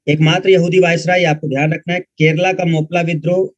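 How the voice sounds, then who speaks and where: A male history teacher lectures online with a fairly high voice, scolding his students in an informal, direct way. The recording is dry and close, with a dull, muffled tone. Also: flat delivery, a little fast, no echo.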